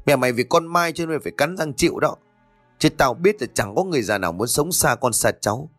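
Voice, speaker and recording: A man's voice: fairly low pitch, lively intonation, a little fast, fairly bright tone, faint music behind. A man voicing a blunt, hard-drinking older uncle who scolds coarsely. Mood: scolding.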